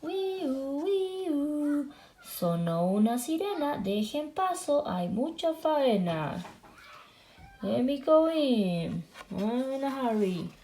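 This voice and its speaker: A woman reading a picture book aloud to children, switching between two languages line by line and making lively sound effects. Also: on the high side, slow, a little hiss or hum. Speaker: children's storyteller.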